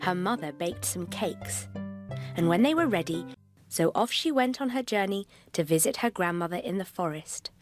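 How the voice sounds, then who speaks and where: A woman narrating a fairy tale in a gentle, expressive storytelling manner. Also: on the low side, moderate pace. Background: background music.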